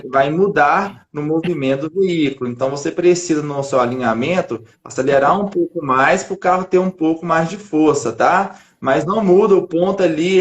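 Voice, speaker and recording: A man with a Brazilian Portuguese accent who is a driving instructor, talking through things patiently and step by step. His voice sits fairly high, and the room around him sounds noticeably echoey. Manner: patient, step-by-step explaining with tag questions. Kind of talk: casual chat in a live stream.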